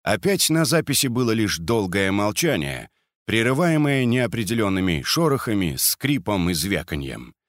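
A man narrating a crime audiobook in a steady, even reading manner. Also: fairly low pitch, moderate pace, no room sound, clean studio sound.

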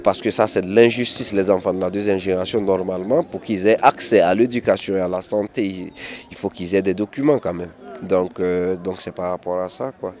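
A man's voice: low-pitched, a little mellow. A man, recounting his experience as a migrant activist in a hesitant interview, often restarting and repeating words. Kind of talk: candid interview testimony.

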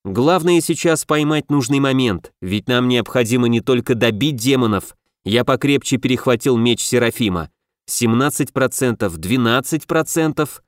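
A man narrating a first-person fantasy audiobook in a brisk, lively storytelling manner. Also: mid-range voice, dry recording, clean studio sound.

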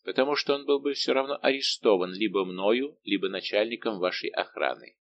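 A man reading an audiobook, voicing a middle-aged musketeer captain who answers calmly, respectfully and without yielding. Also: on the low side, fairly quick, gravelly, dull audio. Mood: calm defiant. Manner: calm, steady, respectful but unbending.

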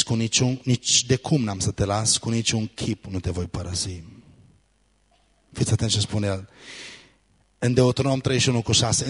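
Guy preaching a sermon, reads bible verses, acts out prayers like he's begging. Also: mid-range voice. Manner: quotes scripture, acts out pleading prayers. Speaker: pastor.

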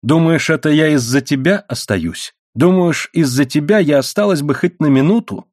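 A man reading the part of a furious, worn-down miner's wife with sharp, indignant retorts. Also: mid-range voice, lively intonation, moderate pace, no room sound, clean studio sound, natural voice. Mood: bitter.

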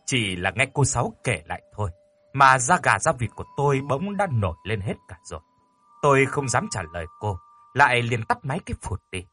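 Male storyteller, dramatic first-person ghost story, husky. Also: medium pitch, fairly quick. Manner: expressive, dramatic.

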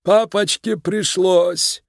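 Guy doing a creaky little shrew mob boss, high squeaky voice, slow cold threats, dry close sound, storybook. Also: fairly even intonation, no echo, exaggerated voice. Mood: cold menace. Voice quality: creaky, commanding. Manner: slow, drawn-out menace. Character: tiny elderly male shrew crime boss, commanding, cold. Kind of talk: storybook reading.

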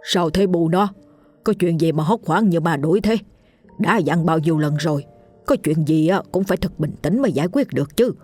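Older village fortune-teller, gruff and measured, voiced by a woman. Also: fairly low pitch, animated, darkish tone, soft background music. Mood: scolding. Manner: measured, then scolding.

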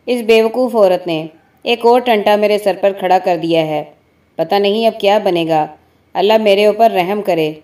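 A woman's voice: mid-range voice, a little mellow, natural voice. A woman reading as a pleading injured laborer man. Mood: fretful. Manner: whining, pleading. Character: poor injured male laborer, pleading and fretful.

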